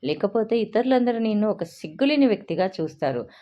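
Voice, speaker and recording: A woman voicing a stern, commanding wealthy young man who talks gravely and bossily, in a muffled recording. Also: mid-range voice, lively intonation, brisk, pitched above the performer's own voice, natural voice. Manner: grave, domineering.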